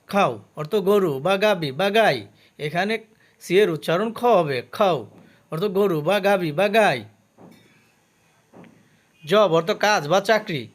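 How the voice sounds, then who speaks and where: A man teaching English vocabulary, saying each word and its meaning twice and stopping to explain the pronunciation. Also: high-pitched. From Bangladesh. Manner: slow, careful drill with pronunciation notes.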